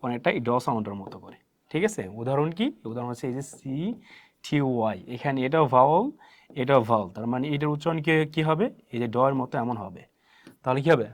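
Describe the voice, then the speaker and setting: A man's voice: mid-range voice, quick pace. A man teaching English pronunciation as a lesson, asking questions and answering them himself and repeating key words. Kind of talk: spoken classroom lesson.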